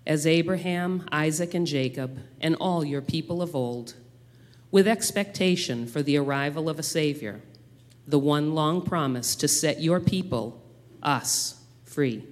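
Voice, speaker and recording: A man's voice: fairly high pitch, measured pace. A man speaking as a church elder, addressing the congregation with announcements and public prayer. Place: church sanctuary. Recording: long hall reverb.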